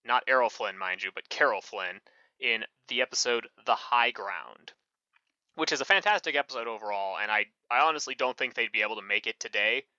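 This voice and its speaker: A man's voice: mid-range voice, fairly quick, sharp tone, no room sound. A man co-hosting a podcast in casual chat, rambling with many fillers and self-corrections. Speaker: podcast co-host. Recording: muffled lo-fi mic.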